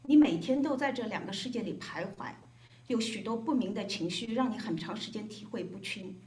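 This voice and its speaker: In an echoey hotel event room, a woman from Shanghai volunteers to deliver a reflective speech she has prepared. Her mid-range voice runs a little fast and a little mellow.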